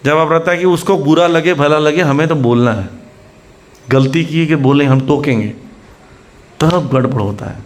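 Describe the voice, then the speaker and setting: A man's voice: fairly high pitch, normal speed. An Indian man giving a Hindi sermon at a temple preaching centre, mixing in English words and acting out scolding examples.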